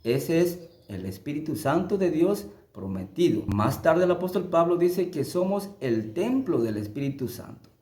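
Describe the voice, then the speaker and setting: A man teaching the Bible in a sermon style, emphatic, lifting his voice for scripture and dropping low to press a point. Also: big pitch swings, moderate pace, few pauses, mellow, reverberant. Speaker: preacher.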